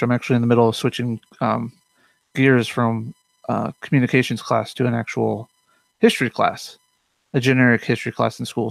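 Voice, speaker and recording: Young male host, gravelly, dry close sound, casual rambling political commentary from his home desk. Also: mid-range voice, no room sound. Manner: rambling, many fillers and self-corrections; mutters to himself.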